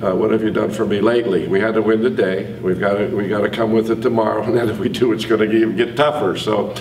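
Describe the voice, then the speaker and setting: A man in his sixties, a basketball coach, answering press conference questions in an easygoing, chuckling way with many filler pauses. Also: lowish voice, fairly even intonation, darkish tone, slight background noise. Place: indoor press conference room. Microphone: table mic from a distance. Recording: echoey room, distant mic.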